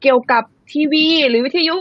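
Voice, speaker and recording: A woman's voice: brisk, no echo, dull audio. A woman with a Thai accent hosting a casual interview, chatty and mixing Thai with English. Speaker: host.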